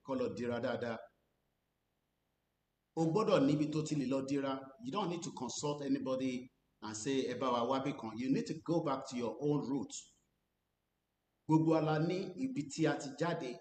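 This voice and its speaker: A man giving earnest commentary, switching between English and Yoruba. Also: darkish tone. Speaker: channel host. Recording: echoey room with faint rumble.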